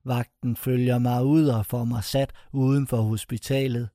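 A man reads a first-person short story aloud in a mellow, warm voice. The sound is dry and close, with no room around it. His telling is intense and bitter. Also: medium pitch, level tone, no room sound. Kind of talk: scripted first-person narration.

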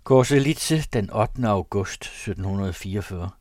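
A man's voice: fairly low pitch, darkish tone, no room sound, studio quality. A man reading an old diary aloud in a solemn, mournful manner. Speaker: narrator. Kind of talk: scripted reading of a period diary.

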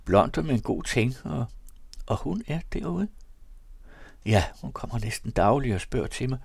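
A man's voice: medium pitch, very animated, vocal fry, breathy edge, no echo, voice pushed up, exaggerated voice. A man reading aloud, voicing a frail, fickle bedridden wife in a raised, pleading tone. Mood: fretful.

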